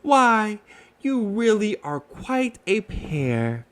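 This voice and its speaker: A man's voice: high-pitched, very animated, extremely slow, voice pushed up, exaggerated voice. A man voicing a tender, grateful mother kangaroo in a children's storybook. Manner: tender, approving.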